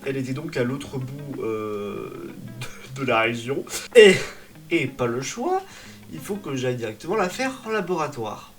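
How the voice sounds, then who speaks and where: A young man telling a personal story in a comic vlog style, dramatic, exaggerated and self-mocking. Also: medium pitch. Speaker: vlogger.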